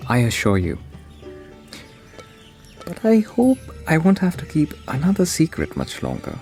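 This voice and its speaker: An actor playing an earnest, lovestruck young son of a rich family in a radio drama. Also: male voice, fairly high pitch, huge pitch swings, measured pace, warm tone, soft background music, exaggerated voice. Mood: tender. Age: young adult. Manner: earnest, defiant.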